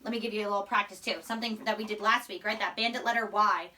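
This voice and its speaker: At a quick pace and with fairly even intonation, a young woman's medium-pitched, pushed, bright voice sounds out letters and words emphatically in a phonics lesson for young children. The primary school teacher is at a whiteboard in a small indoor room, recorded from a few steps away by a camera mic, sounding distant with slight hiss or hum.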